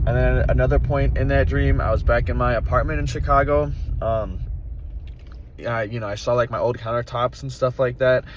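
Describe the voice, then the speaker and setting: A young adult man casually rambling through his recollections, hesitant and puzzled, with hazy, trailing thoughts. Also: mid-range voice. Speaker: vlogger keeping a dream journal. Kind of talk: casual rambling recounting of dreams. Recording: dull audio with loud vehicle-like outdoor noise.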